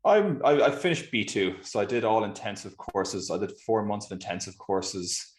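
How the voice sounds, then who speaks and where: Male, low voice, west of Ireland accent, informal interview guest in a roomy, echoey space. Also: animated, moderate pace. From Galway, west of Ireland. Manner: informal, hedging with 'kind of'. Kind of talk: casual interview chat.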